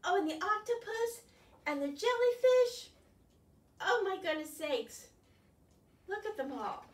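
Very high and sing-song, the librarian's voice keeps a measured pace as she, a woman in her sixties, reads to young children with exaggerated wonder and coaxing questions. Faint noise and room echo come through the distant camera microphone.

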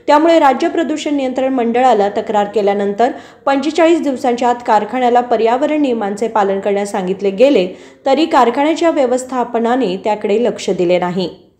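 A woman's voice: a little high, dark tone, roomy sound. Woman reading a formal news voice-over. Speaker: news narrator.

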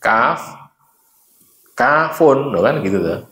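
A man's voice: medium pitch, animated, slow, sharp tone, reverberant. A man with a Javanese accent teaching Quran reading at a religious study, explaining patiently and chanting letters aloud. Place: mosque.

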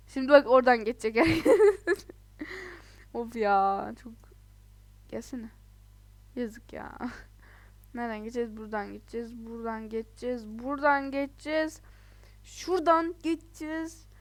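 A woman giving chatty, casual commentary while playing a video game, excitable, laughing often and exclaiming in frustration. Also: a little high, no echo. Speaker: let's play gamer.

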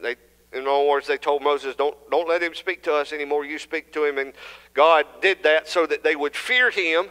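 A man's voice: high-pitched, bright, forceful tone, smooth. A young man with a Southern US accent preaching an earnest sermon from a church pulpit, building in intensity and often restarting his phrases. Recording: church hall reverb.

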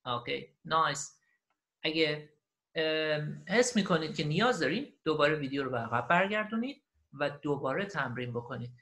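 A man teaching English beginners in a recorded online lesson, repeating each phrase slowly after the audio and then explaining it at length. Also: a little high, animated, a bit bright.

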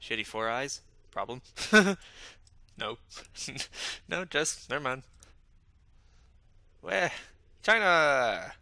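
A man commenting loudly and mockingly as he plays a game and reads its dialogue. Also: medium pitch, lively intonation, slow pace, no room sound. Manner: loud, mocking, laughing. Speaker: let's-play gamer.

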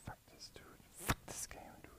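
A man's voice: normal speed, whispered. A man streaming video games, a raging gamer who screams and swears at the game. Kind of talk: live game stream outburst.

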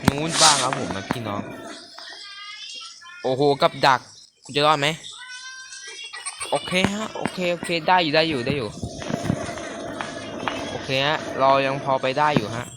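A man giving casual, excitable commentary on a horror game, chatting to his viewers as he plays. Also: medium pitch, unhurried, pauses often. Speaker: gaming streamer. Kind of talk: casual let's-play commentary. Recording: loud background noise.

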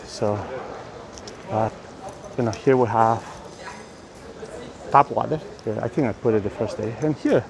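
A middle-aged man from Spain, chatty and excitable, giving a casual walking vlog tour of a cafeteria, filmed on a phone at arm's length. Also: mid-range voice, creaky. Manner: chatty, excitable, lots of fillers. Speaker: vlogger touring the food halls. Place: indoor cafeteria and dining hall. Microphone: phone camera at arm's length. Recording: noisy phone recording.

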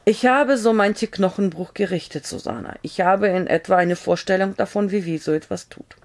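Woman reading as a calm, sober frontier doctor. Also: mid-range voice, normal speed, natural voice. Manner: sober, matter-of-fact instructions. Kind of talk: audiobook reading.

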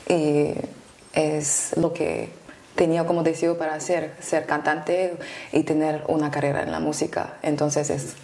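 Low-voiced young woman from Congo, slow. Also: vocal fry, reverberant. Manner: soft-spoken, hesitant, many fillers. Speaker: singer, interview guest. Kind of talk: interview answers. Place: small indoor studio, seated.

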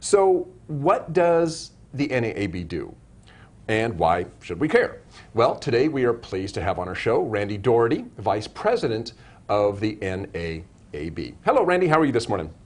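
A man hosts a live web broadcast interview, asking long, wandering questions packed with restarts and self-corrections. His voice is lowish and very animated, at a normal speed.

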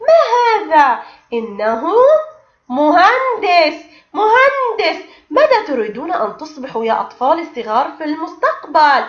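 Bright, lively woman teaching small children. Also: high-pitched. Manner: slow, drawn-out sounding of letters, sing-song praise. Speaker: kindergarten teacher. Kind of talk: recorded online lesson for young children. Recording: dull, echoey room.

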